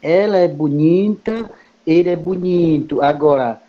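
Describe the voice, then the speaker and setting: Kayapó-native male guest, slow, halting, repeats himself, slightly raised pitch, muffled lo-fi sound. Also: a little hiss or hum. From Brazil. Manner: halting, repeats words with many fillers. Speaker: guest speaker. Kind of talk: explaining in a study group meeting. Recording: muffled lo-fi recording.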